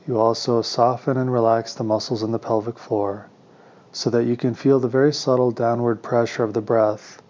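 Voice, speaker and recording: A man in a teaching role leads a meditation, his mid-range voice delivering deliberate, gentle, calming guidance with pauses along the way. The sound quality is slightly muffled.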